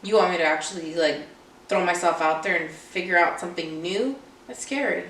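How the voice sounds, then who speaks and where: Creaky-voiced woman chatting in an echoey room. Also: on the low side, a little fast, fairly bright tone. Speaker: podcast co-host posing questions. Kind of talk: casual personal faith conversation. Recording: echoey room, distant mic, faint noise.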